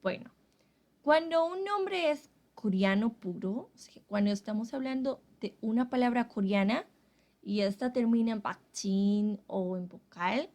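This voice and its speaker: A woman teaching a Korean grammar lesson, explaining slowly and carefully. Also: a little high, a little mellow. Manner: slow, carefully spelled-out explanations.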